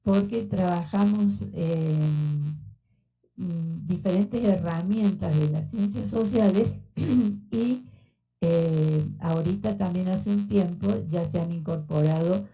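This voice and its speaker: In a university auditorium, an Argentine researcher in her sixties delivers a relaxed, conversational talk with many fillers, speaking Spanish with an Argentine accent tinged by Mexican Spanish. Her voice is lowish and warm. Faint music sits behind her, and the recording is rough.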